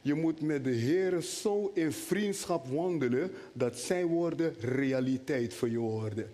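A man preaching a sermon in an animated way, talking directly to his congregation in a church hall. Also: on the high side, unhurried. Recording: long hall reverb.

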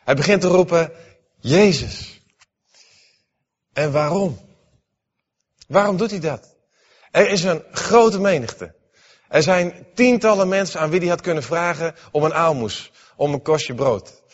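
A man preaching a sermon in a church, reading scripture and then expounding it, dramatic, swinging between raised emphatic lines and hushed ones. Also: a little high, animated, measured pace, long pauses. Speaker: pastor. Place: church hall. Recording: dull, hall with long reverb.

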